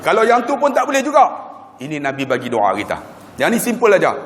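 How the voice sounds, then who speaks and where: A man, preaching a storytelling sermon and acting out voices, swinging from loud to hushed. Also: on the high side, huge pitch swings, fast, slight background noise. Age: 40s. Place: mosque hall. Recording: echoey mosque hall.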